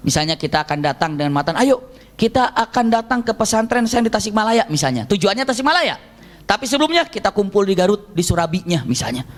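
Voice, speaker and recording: A man giving a storytelling religious lecture, acting out shouted characters and laughing often. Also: fairly high pitch. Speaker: preacher.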